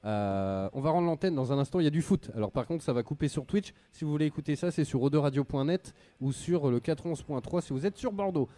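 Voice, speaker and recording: A man's voice: fairly high pitch, expressive, fairly quick, hardly any pauses, mellow, dry recording. A man hosting a casual radio show about video games, slangy and rambling with lots of fillers. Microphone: studio microphone.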